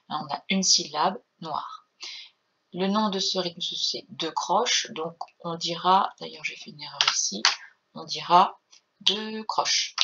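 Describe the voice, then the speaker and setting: A woman's voice: lowish voice, dull audio, very noisy. A woman music teacher patiently explaining rhythm exercises and chanting the rhythm syllables.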